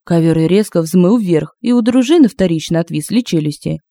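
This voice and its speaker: A woman narrating a humorous fantasy audiobook in a lively, expressive way on a close home mic. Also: lowish voice, normal speed, no echo. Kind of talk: scripted narration. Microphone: close mic, home recording.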